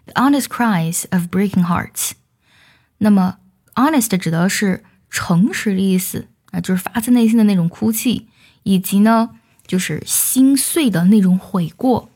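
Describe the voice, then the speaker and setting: A woman's voice: medium pitch, expressive, unhurried, a little mellow, slightly rough. Woman English teacher, patient lyric explainer who sings demo lines. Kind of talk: song lyric lesson.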